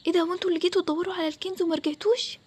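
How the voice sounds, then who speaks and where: Bold young Egyptian boy, a woman voicing, high, fast and sure of himself, cartoon story. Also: steady tone, faint music behind. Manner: confident, reassuring, hushed at times. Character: bold young boy Adam, daring treasure hunter.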